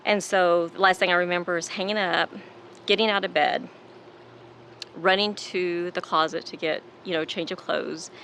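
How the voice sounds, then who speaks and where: A woman's voice: lowish voice, fairly even intonation, normal speed, a bit bright, a little hiss or hum. A woman recounting in an interview, in detail and with emotion, the night her father was shot. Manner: emotional, reliving events in detail. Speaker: daughter of a victim. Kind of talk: interview recollection.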